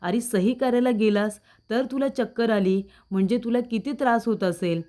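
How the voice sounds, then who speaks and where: A woman's voice: on the high side, normal speed, mellow, close to an everyday voice. A woman reading as a fretful doting mother. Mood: worried, doting. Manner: coaxing, fretful. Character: worried loving older mother pleading with son.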